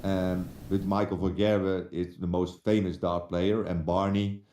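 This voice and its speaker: A man's voice: low voice, level tone, measured pace, mellow, reverberant, slight background noise. A man from the Netherlands with a Dutch accent, a guest telling his story in casual chat, hesitant and full of restarts. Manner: hesitant, many restarts and fillers.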